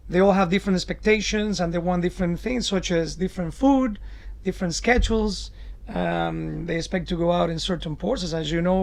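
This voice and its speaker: A man answering interview questions as a cruise director, explaining things emphatically in deliberate phrases. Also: high-pitched, gravelly.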